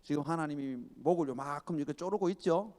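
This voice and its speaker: A man's voice: fairly high pitch, quick pace, a little mellow. A male pastor preaching an emphatic sermon with rhetorical questions and chuckling asides. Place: church sanctuary. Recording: long church reverb.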